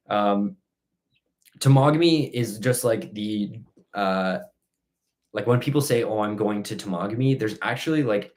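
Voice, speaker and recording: A man's voice: on the low side, darkish tone. A man hosting a casual outdoor live-stream Q&A, reading out questions and giving rambling, stop-start answers.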